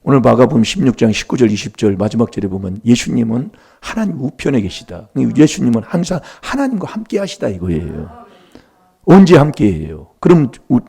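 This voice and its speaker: A man's voice: mid-range voice, creaky, warm tone, slightly rough. A middle-aged man preaching a sermon in a church, emphatic and prompting the congregation for replies.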